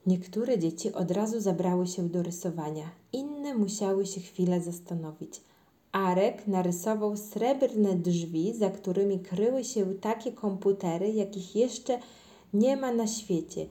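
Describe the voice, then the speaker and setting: A woman's voice: mid-range voice, measured pace, mellow. A woman reading a children's story aloud, lifting her voice for the children's lines.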